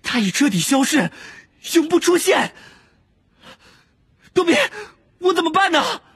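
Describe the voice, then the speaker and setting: A man's voice: very high voice, big pitch swings, fast, breathy edge, no room sound, voice pushed up, full character voice. A man voicing an anxious teenage boy wizard, gasping and desperate.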